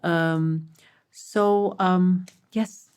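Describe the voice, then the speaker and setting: Speaking extremely slowly in a smooth, lowish voice, a middle-aged woman from Armenia who is a repat parent shares animated stories in a relaxed panel chat. Her storytelling is marked by many restarts.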